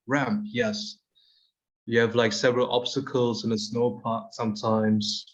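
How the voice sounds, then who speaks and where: Casting: young man in his twenties, monotone and hesitant, dull call audio. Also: mid-range voice, unhurried. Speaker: permaculture project partner. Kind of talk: video call conversation. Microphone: video call.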